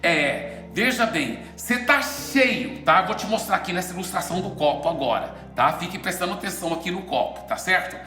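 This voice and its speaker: A man preaching and teaching with a glass of water as an object lesson, animated and often checking in with his listeners. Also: high-pitched, fairly quick, hardly any pauses. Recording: echoey room with soft music.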